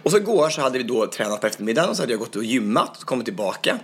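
A man co-hosting a casual podcast chat, an animated storyteller. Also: slightly rough. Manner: animated storyteller, acts out others' lines with high shouts. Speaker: podcast co-host.

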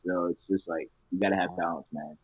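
A young man with a fairly low voice talks like a frat bro in a casual podcast chat. He is confident and emphatic, loose and slangy in his phrasing. The sound is dry and a little dull. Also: fairly even intonation, fairly quick, no room sound. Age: young adult. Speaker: guest, competitive college lifter.

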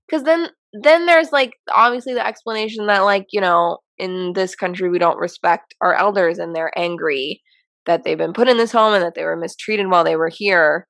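A woman's voice: on the low side, creaky, a bit bright, no echo. A woman co-hosting a casual chat, speculating and restarting her sentences as she thinks. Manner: halting, restarts often, speculative. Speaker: podcast co-host. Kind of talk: casual chat about a TV episode.

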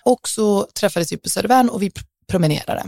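A woman's voice: mid-range voice, creaky, a little mellow, no echo, clean studio sound. A young woman, hosting a podcast and telling a dating story in a chatty, dramatic way, dropping English phrases into her talk. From southern Sweden. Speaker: podcast host. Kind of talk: casual storytelling.

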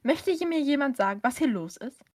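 A woman's voice: high voice, lively intonation, fairly quick. A woman reading the part of a firm, scolding mother. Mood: stern. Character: stern, protective mother, middle-aged.

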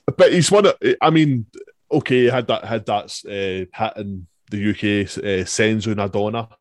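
A Scottish man with a lowish voice chats casually, stopping often for ums and uhs. His voice sounds dry and close to the mic. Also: normal speed, no room sound. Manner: hesitant, many ums and uhs. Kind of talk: casual chat.

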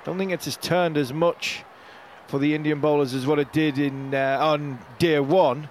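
A man's voice: a little high, fairly even intonation, normal speed, slight background noise. A man analysing shots and deliveries as a co-commentator in live cricket commentary.

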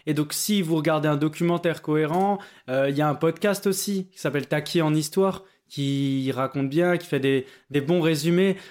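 A man's voice: fairly high pitch, moderate pace, hardly any pauses, darkish tone. A young man co-hosting a podcast, chatting casually and hesitantly while giving study tips. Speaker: podcast co-host. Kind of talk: casual chat.

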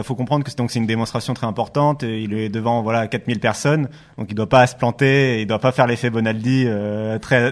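Man, co-host, casual tech chat, rambling restarts, mid pitch. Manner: loose, thinking aloud with restarts. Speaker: podcast co-host.

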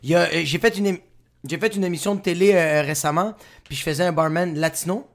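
A man's voice: on the high side, quick pace. A young man with a Québécois French accent, co-hosting a casual chat and joking as he acts out quoted voices. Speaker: podcast co-host, comedian.

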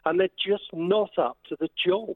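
An older man calling a phone-in, opinionated and emphatic, halting and repeating his phrases. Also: high-pitched. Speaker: radio phone-in caller, retired police officer. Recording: tinny phone line.

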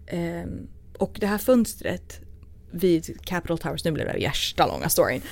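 A woman's voice: lowish voice, animated, creaky. A woman from Sweden, a guest in her thirties, telling anecdotes in a casual interview and acting out the dialogue.

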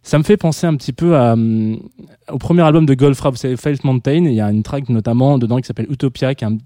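A man's voice: mid-range voice, fast talker, dark tone, dry recording, clean studio sound. A male radio host in casual late-night music chat, rambling with many fillers and restarts.

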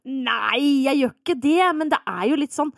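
A woman's voice: high voice, gravelly, no room sound, studio quality. A young woman co-hosting a casual podcast, chatty and frank, joking about herself. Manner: chatty, self-mocking, frank about money. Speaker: podcast co-host.

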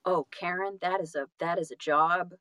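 Her voice sits lowish and sharp, with fairly even intonation and no room sound, as she talks casually in an interview. A singer and audiobook narrator, she gushes, halts, and corrects herself partway through sentences.

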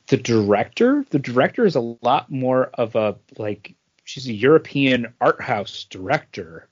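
A podcast co-host, male and medium-pitched, chats casually about movies and shares his opinions on them. The sound is dry, close, dull and lo-fi, with no echo.

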